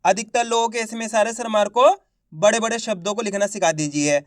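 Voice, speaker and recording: A man's voice: sits high, fairly quick, dry recording, clean studio sound. A man teaching reading online, sounding out words syllable by syllable and repeating each one in an encouraging tone. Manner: encouraging, addresses viewers as friends.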